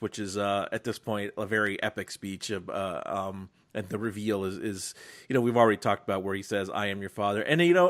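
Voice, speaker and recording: A young man co-hosting a film podcast, talking casually and excitedly about a favorite movie, with frequent restarts and quoted lines. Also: lowish voice. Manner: animated, quoting film lines, many restarts. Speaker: podcast co-host.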